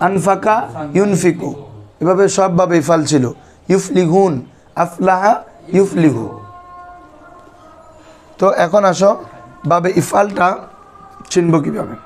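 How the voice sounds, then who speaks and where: A man teaches a grammar class. He drills his students, repeating key terms and asking them back for answers. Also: sits high. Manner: quizzes students with repeated questions. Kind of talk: classroom lesson.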